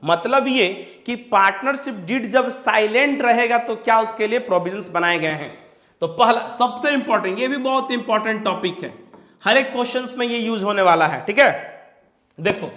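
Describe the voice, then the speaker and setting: A man from India with a high, bright, forceful voice teaches a commerce class at normal speed. He speaks Hindi with English terms mixed in, quizzes his students, and repeats each point. The room has a noticeable echo.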